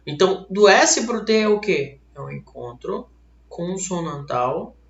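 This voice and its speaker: With a Brazilian Portuguese accent and a high-pitched, gravelly voice, a male teacher takes his time through an online grammar lesson. He poses questions and answers them himself in a lively way, recorded on a laptop mic as roomy, dull lo-fi webcam audio.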